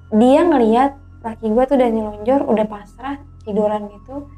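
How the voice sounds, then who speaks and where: As a guest, a woman tells the story of her own eerie hike in a casual, animated way, constantly quoting others in quick dialogue. Her voice is a little high, with music playing in the background.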